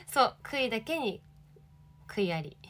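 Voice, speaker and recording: A woman's voice: high voice, fairly bright tone, a little hiss or hum. A young woman in her twenties, an idol livestreaming, chatting casually and reading viewer comments with giggly, bubbly energy.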